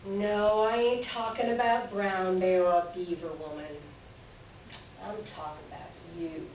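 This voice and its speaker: A woman's voice: mid-range voice, little pitch movement, a little slow, a little mellow, close to an everyday voice. A woman playing a sly, self-serving coyote trickster with folksy, rustic speech in a readers theater animal tale. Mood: hard bargaining. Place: library readers theater performance. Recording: roomy, distant mic, faint background noise.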